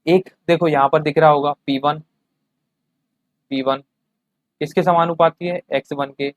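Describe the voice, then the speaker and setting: A man's voice: fairly high pitch, dry recording. A man teaching a chemistry class, explaining with everyday examples and often checking that students follow.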